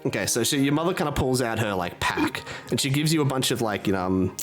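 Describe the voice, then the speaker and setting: A man's voice: medium pitch, animated, fast talker, faint music behind. A man narrating as dungeon master in a loose, filler-heavy way. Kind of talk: narrating a tabletop game.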